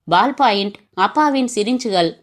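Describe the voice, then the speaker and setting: A woman narrating a crime novel in an even, measured storytelling read, giving the characters' lines only light voicing. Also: mid-range voice. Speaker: audiobook narrator.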